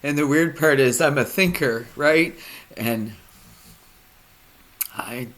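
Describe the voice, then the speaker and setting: A man speaking a personal monologue, halting and emotional, often dropping to a near whisper. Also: fairly low pitch, a bit bright, slight background noise. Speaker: vlogger.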